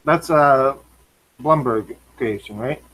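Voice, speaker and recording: A man's voice: medium pitch, takes it slowly, fairly bright tone, low-quality recording. A man hosting a casual live stream, chatting while he eats and tastes snacks. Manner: chatty, talks while eating and tasting. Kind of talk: casual chat.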